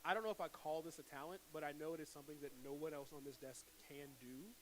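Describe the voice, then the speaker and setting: A man's voice: fairly high pitch, steady tone, quick pace, a bit bright, a little hiss or hum, low-quality recording. A man speaking off the cuff in a wry, self-deprecating, casual way.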